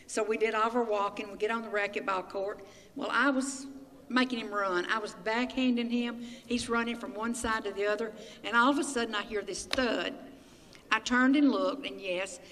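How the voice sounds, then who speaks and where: A woman's voice: a little high, pushed and bright. An older woman telling chatty, folksy stories as an interview guest, laughing as she goes. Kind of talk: anecdotal storytelling. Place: community building hall. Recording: echoey hall, from far off.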